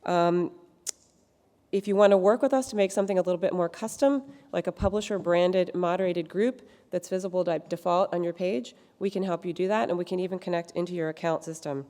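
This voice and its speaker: Female presenter, lowish voice, strained and fading, brisk pitch, big hall reverb. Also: mellow. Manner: brisk promotional pitch, clears throat. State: losing her voice. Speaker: conference presenter. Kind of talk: lightning talk.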